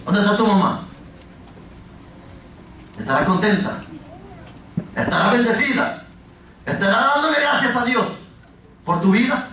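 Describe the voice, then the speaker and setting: A man preaching a fervent sermon as pastor, often rising to a shout. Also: sits high, animated, measured pace, pauses often, a little hiss or hum. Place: church. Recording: echoey church hall, from far off.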